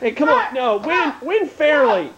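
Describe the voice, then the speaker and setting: A man mocks the wrestlers with crude heckles in a high voice that jumps around a lot. The sound is dull and lo-fi, and heavy noise sits under it. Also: animated, a little slow. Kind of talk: mocking live commentary. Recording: dull lo-fi noisy audio.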